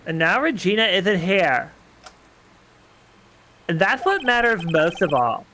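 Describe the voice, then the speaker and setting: A man's voice: sits high, big pitch swings, takes it slowly, sharp tone, slight background noise, pitched above the performer's own voice, full character voice. A man voicing a sweet, girlish young woman in a cartoon princess manner, reading game dialogue aloud. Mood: earnest, wistful. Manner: dainty cartoon princess delivery.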